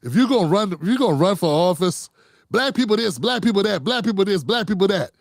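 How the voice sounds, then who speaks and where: A man's voice: high voice, expressive, fast, no echo, clean studio sound. A man hosting his own commentary show, talking loosely and profanely, rambling and calling his viewers "fam". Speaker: host. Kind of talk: casual political commentary monologue.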